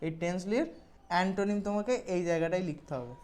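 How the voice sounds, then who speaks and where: A woman with a fairly low, darkish voice talks fast as she explains English exam questions in a casual lesson. She keeps it conversational and checks in with her students often, frequently asking "okay?"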